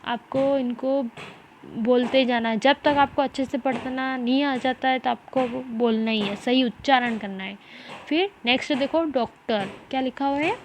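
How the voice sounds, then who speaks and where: A woman teaching a primary school class, reading words slowly syllable by syllable and asking the children questions. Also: sits high, slight background noise. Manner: slow, syllable-by-syllable reading drills with repeated questions. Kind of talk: online class lesson.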